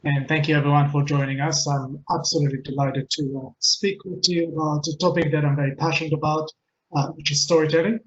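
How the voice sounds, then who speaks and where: A middle-aged man from Israel presents a pre-recorded webinar as a speaker and coach, earnest but full of hesitations and fillers. His Israeli accent is mixed with Texan, Scottish and London influences, and his slightly high voice moves fairly quickly in a level tone. The audio is dull and lo-fi with faint hiss.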